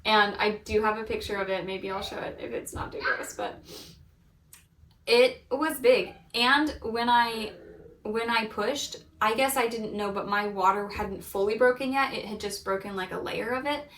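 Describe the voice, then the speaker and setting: A woman's voice: mid-range voice, normal speed, a bit bright. A woman in her thirties telling the story of her baby's birth in a casual, gushing way, laughing often. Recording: echoey room, mic at a distance.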